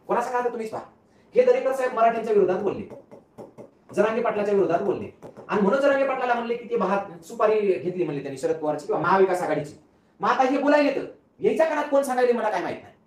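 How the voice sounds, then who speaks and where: A man, giving a casual, mocking political rant to viewers with repeated rhetorical asides. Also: extremely high pitch. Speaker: political commentator. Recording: roomy, from a distance off mic.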